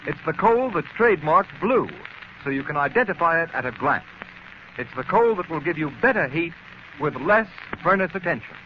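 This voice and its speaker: Male announcer, upbeat vintage radio ad salesman, polished and emphatic, lively swooping pitch, muffled noisy recording. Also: normal speed. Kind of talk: old-time radio commercial announcing, like a mid-century ad.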